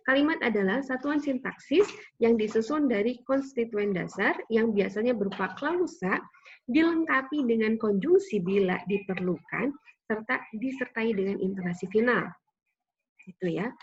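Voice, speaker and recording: A woman giving a recorded lecture on grammar, explaining patiently with frequent tag questions. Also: mid-range voice. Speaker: university lecturer. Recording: slightly dull lo-fi audio with faint noise.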